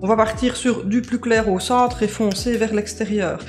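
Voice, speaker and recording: A woman's voice: fairly high pitch, fairly even intonation, normal speed, soft background music. A woman hosting a coloring craft video, chatting casually with many fillers and joking at herself. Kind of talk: casual coloring tutorial chat.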